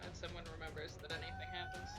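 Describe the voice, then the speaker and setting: Giggly, very animated woman player. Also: fairly low pitch, fast, faint music behind. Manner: giggly, joking. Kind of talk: casual chat during a tabletop game.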